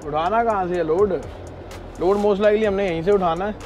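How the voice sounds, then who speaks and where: The sound is lo-fi with soft background music as a high-voiced Indian man speaks at a moderate pace. He's a trucker vlogger chatting casually and animatedly to viewers, addressing them as brother, inside his truck cab and out in a snowy yard.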